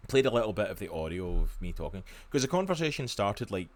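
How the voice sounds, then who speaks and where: A man's voice: fairly low pitch, sing-song, quick pace. A Scottish man with a Glaswegian accent, in his thirties, co-hosting a casual podcast from home over a video call, chatty and enthusiastic with lots of fillers. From Scotland, near Glasgow. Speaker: podcast co-host. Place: home room.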